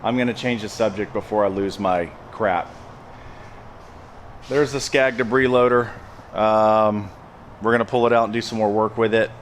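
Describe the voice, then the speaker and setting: A man's voice: fairly low pitch, steady tone, normal speed, pauses often, slight background noise. A man running a landscaping business talks casually to a handheld camera, plain-spoken and emphatic, often repeating his phrases. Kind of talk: casual vlog talk to camera.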